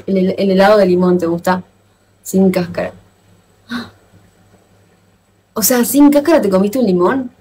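A woman with an Argentine accent chatting casually with viewers on a live stream, playful and quick to exclaim and laugh. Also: medium pitch, steady tone, warm tone. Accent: Argentine Spanish. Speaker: livestreamer.

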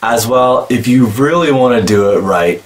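A man in his forties speaks at a normal speed in a mid-range voice, chatting casually and excitedly about horror cosplay props. It's a show-and-tell vlog, shot from a distance in a cluttered room packed with horror collectibles.

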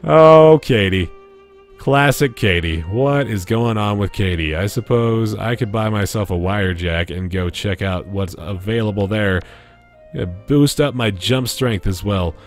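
A man's voice: lowish voice, measured pace, soft background music. A man hosting a gaming video with casual, joking commentary, often talking to himself. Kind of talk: casual let's play commentary.

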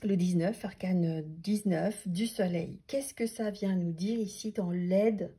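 A woman coach explaining a tarot practice in an unscripted talk, pausing to rethink her words and sometimes dropping to a near-whisper. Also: lowish voice, fairly even intonation, mellow, husky. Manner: thoughtful, restarts often, drops to near-whispers.

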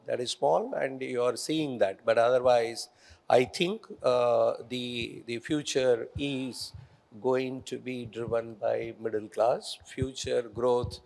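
Gravelly middle-aged man speaking hesitantly. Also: mid-range voice, darkish tone. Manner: measured, hesitant, many fillers and restarts. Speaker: guest speaker, company executive. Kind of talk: onstage conference conversation. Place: large conference hall stage. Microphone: handheld mic.

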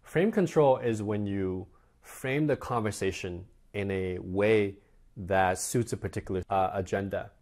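A man's voice: lowish voice, measured pace, darkish tone. A man teaching a dating course lesson in a conversational way, acting out example dialogues. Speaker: dating coach.

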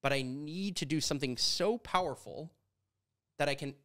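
A man in his thirties from Canada, talking through ideas in a casual conversation at a studio boom mic, animated and gesturing as he tells stories. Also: moderate pace. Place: studio with brick walls. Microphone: studio mic on boom arm.

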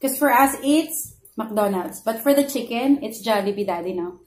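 A mom chats to viewers in a somewhat high voice, coaxing her little one between bites. Her talk is easygoing and homey. The sound carries a roomy echo. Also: expressive, moderate pace, a little mellow. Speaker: family vlogger, mother. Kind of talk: casual mukbang chat to viewers.

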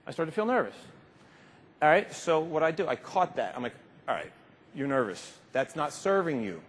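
Speaking at normal speed, this man has a fairly high voice with big pitch swings. In his fifties, he delivers an informal, emphatic motivational keynote on a big indoor stage, repeating phrases for effect, while his lapel mic catches a reverberant hall that slightly muffles him.

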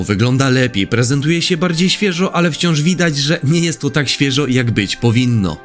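A young man narrating a scripted retro game review in a wry, conversational way. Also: fairly high pitch.

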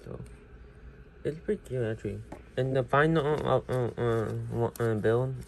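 A man giving a casual, unscripted toy review, rambling with many fillers and restarts and getting loud at times. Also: medium pitch, normal speed, vocal fry. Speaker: Lego reviewer. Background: faint household noise.

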